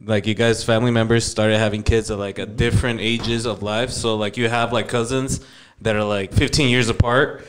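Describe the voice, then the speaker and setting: A man's voice: fairly low pitch, flat delivery, normal speed, a little hiss or hum. A man in casual podcast chat, rambling and laughing as he stumbles over his words.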